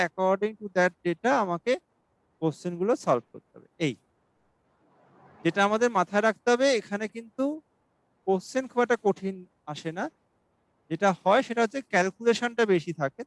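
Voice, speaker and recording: A male mathematics teacher giving an exam-prep lesson, explaining each step slowly and reading questions aloud. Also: high voice, a bit bright, smooth, no room sound, poor audio. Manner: asks students for doubts.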